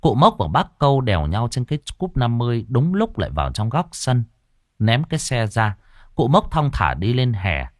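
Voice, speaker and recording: A man narrating a ghost story in a lively, playful, colloquial way. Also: mid-range voice, normal speed, no echo, studio quality.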